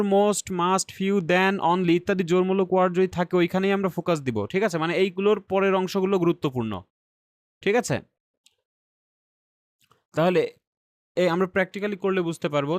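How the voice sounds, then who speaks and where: A man's voice: high voice, no room sound, studio quality. A man teaching an exam-skills lesson step by step. He often checks in with his listeners and mixes English terms into his explanations. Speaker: IELTS reading teacher.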